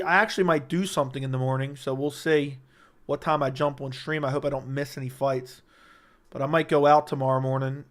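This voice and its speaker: A man hosts a casual livestream, reading chat questions aloud and answering them jokingly. His voice is slightly raspy and worn, a little high, with a fairly bright tone.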